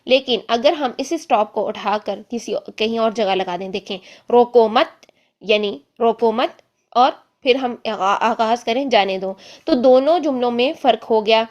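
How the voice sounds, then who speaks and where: A woman teaching an online religious lesson, explaining step by step and repeating examples slowly. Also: a little high, muffled recording. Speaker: Quran recitation teacher.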